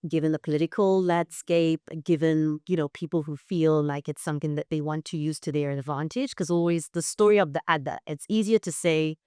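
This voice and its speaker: A woman's voice: low-pitched, steady tone, fairly quick, few pauses, darkish tone, smooth, no room sound, clean studio sound. A young adult woman, a guest in an interview, talking thoughtfully and often checking in with "right?". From South Africa. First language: Shona. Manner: thoughtful, frequent "right?" tags. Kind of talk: reflective interview talk.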